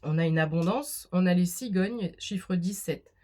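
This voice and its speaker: Casting note: woman, fairly low voice, casual card reader, speaks to the viewer, full of "euh" and restarts. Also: unhurried, dark tone. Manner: addresses viewer directly, many fillers and restarts. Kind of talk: casual spoken tarot reading.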